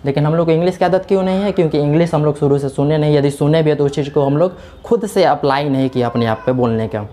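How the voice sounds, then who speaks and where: A man with a fairly high, mellow voice talks fast, barely pausing as he delivers a classroom lecture. He explains things step by step, keeps saying "theek hai," and poses questions that he then answers himself.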